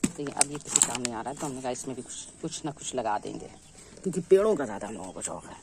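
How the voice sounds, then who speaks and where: A woman's voice: a bass voice, fast, background noise. A woman filming a casual gardening vlog in her home garden, chatting to the camera and calling out to her cat. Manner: chatty, calls excitedly to her cat, scolds it. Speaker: gardening vlogger.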